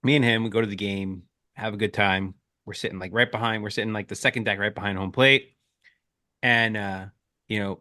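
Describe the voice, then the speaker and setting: A man's voice: on the low side, a bit bright, dry recording, clean studio sound. A man in his thirties, a podcast co-host, telling a story in casual chat and acting out the lines he quotes.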